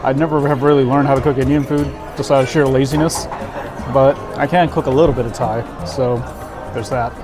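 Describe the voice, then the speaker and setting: A man's voice: mid-range voice, fairly even intonation, a little fast, low-quality recording. A man giving a casual food review to camera, savoring what he eats with delighted approval. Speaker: food vlogger. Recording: background music and crowd chatter.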